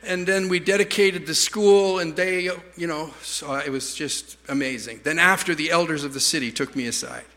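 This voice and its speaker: Man, pastor, storytelling sermon, bright tense voice, echoing hall. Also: a little high, moderate pace, few pauses. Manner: rambling anecdotes, stammering restarts, self-deprecating humor. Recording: reverberant church hall.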